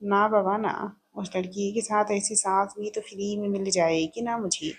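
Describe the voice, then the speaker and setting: A hot-tempered young working woman in a storybook, outspoken and talkative, never holding her tongue, as a woman narrator puts her on. Her voice is husky and a little breathy, at a middle pitch for a woman. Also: fairly even intonation. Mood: teasing. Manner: chatty, quick-tempered, blunt.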